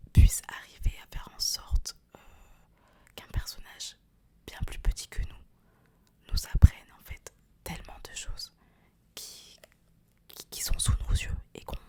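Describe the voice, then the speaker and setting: A young adult woman doing ASMR book talk in a hushed, breathy library whisper with no voice behind it. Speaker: host of a book recommendation video. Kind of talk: whispered ASMR talk about favourite books, with some reading aloud.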